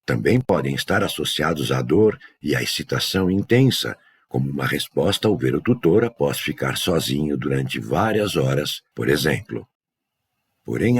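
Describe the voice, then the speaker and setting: A man working as a dog trainer, giving a measured, scripted educational narration. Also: rumbling low, husky. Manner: measured, explanatory delivery.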